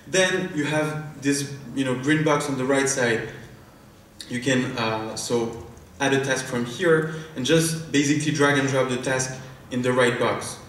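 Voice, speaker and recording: On stage in a big conference hall, a startup founder from France runs a live product demo, his French accent clear. His voice is medium-pitched, steady and a bit bright, his pace measured, though he hesitates with frequent fillers and restarts. The mic is far off, picking up echo and faint noise.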